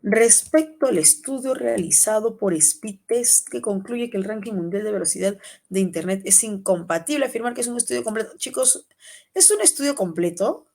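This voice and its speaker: Gravelly-voiced Peruvian woman teaching a class. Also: fairly high pitch, normal speed. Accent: Peruvian Spanish. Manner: lively, calls students by name, asks and answers questions. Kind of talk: online exam-prep class.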